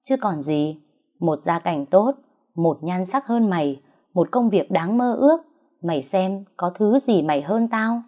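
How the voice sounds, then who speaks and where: A woman's voice: on the low side, expressive, measured pace, dark tone. A woman voicing a defiant young wife who speaks firmly and sneeringly. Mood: cutting. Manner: firm, cutting, sneering. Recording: dull lo-fi recording.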